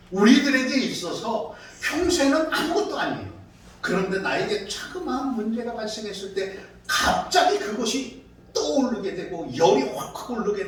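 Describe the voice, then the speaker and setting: A man preaching a sermon as pastor, telling stories in an animated way and acting out quoted voices. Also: high voice, slight background noise. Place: church sanctuary. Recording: very echoey hall, far from mic.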